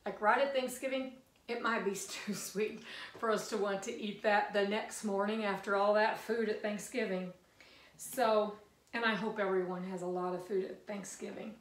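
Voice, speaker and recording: A woman's voice: medium pitch, fairly even intonation, moderate pace, roomy sound, distant mic. An older woman from the Missouri Ozarks, chatting her way through a home cooking demonstration with folksy, rambling asides. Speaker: cooking video host.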